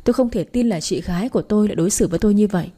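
A woman's voice: medium pitch, rapid-fire, warm tone, breathy edge. A woman narrating a dramatic story in the first and third person, voicing all the characters herself.

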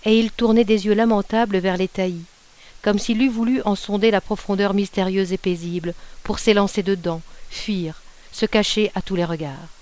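Lady reading an old short story, calm measured pace, mid pitch. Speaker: audiobook reader. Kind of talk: scripted narration of a classic short story.

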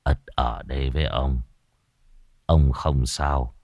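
A stern old village sorcerer, as a male narrator puts him on, murmuring in a deep, hushed, grave tone. He speaks in a very low register with dry, close sound and no room around him. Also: fairly even intonation, slow, no echo, full character voice. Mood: weak, tender. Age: older.

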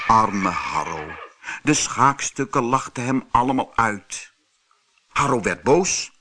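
Slow lively male storybook narrator. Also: medium pitch, slight background noise. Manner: slow expressive reading. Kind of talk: storybook reading.

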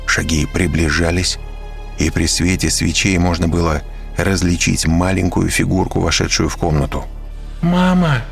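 A man narrating an audiobook in an expressive storytelling manner. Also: sits low, moderate pace, creaky, faint music behind. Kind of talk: scripted narration.

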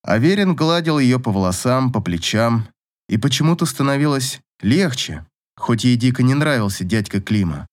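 A man reading an audiobook novel as narrator, in an expressive scripted style. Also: mid-range voice, moderate pace.

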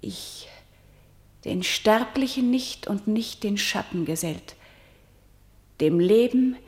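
An actress playing Antigone, a doomed young woman who is defiant and grieving, declaiming verse in a radio drama and swinging between loud cries and whispers. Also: mid-range voice, animated, takes it slowly. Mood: bitter. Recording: roomy studio echo.

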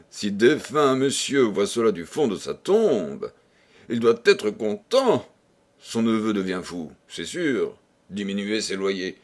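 A man's voice: on the low side, full character voice. A man reading the part of a flustered, pleading middle-aged concierge in an audiobook. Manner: pleading, stammering protest.

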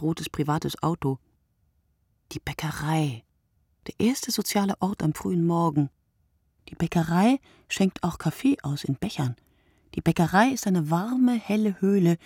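The recording is dry and clean, studio-made, and the actress's voice is on the low side, mellow, husky, and breathy, frequently falling to near whisper. She plays a weary, observant woman watching the street early in the morning from her window, speaking in measured short phrases in a scripted literary radio play monologue.

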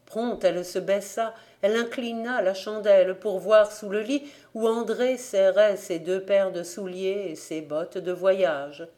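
Woman reading an audiobook, measured and steady. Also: mid-range voice. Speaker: volunteer audiobook reader. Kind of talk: audiobook narration of a classic novel.

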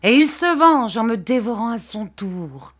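A woman's voice: on the high side, very animated, unhurried, voice pushed up. A woman voicing a broken, despairing older man who pours out his remorse in a storybook reading. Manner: anguished, pleading.

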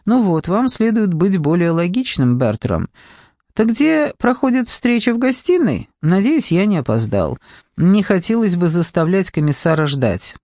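A man's voice: high-pitched, very animated, moderate pace, dark tone, dry recording, clean studio sound. A man voicing a brash, self-assured private detective who is cheekily polite. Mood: breezy. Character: brash, breezy, flamboyant male private detective.

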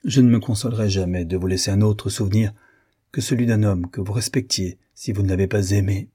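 A grave husband confessing his failings in a firm, cold, grieving tone, read by a man. The voice is low and mellow with a husky edge. It comes from a spoken audiobook. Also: steady tone, a little fast. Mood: grave remorse. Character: stern, remorseful husband, grave and proud. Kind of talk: audiobook reading.

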